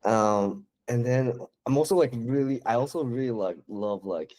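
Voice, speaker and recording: A young man from Taiwan, a designer guest on a podcast, chatting casually in a soft, hesitant way with many fillers. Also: mid-range voice, moderate pace. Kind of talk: casual interview chat.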